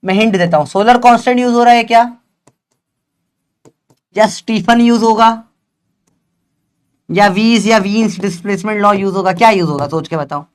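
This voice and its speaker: A young man, teaching a live online physics class and teasing and coaxing students to answer fast. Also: high-pitched, clear, resonant tone.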